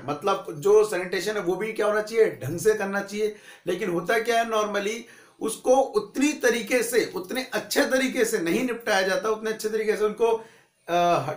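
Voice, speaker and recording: A man's voice: high voice, fairly bright tone. A male teacher giving a conversational economics lesson, asking questions and answering them himself. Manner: conversational, asks and answers his own questions. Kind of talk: classroom economics lecture. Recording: echoey room.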